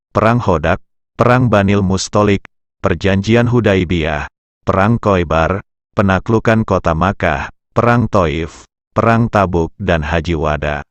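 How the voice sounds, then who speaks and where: A man narrating Islamic history, reading translated passages in a measured, steady way and citing his sources. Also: low-pitched, no room sound. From Indonesia. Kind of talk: reading translated texts aloud.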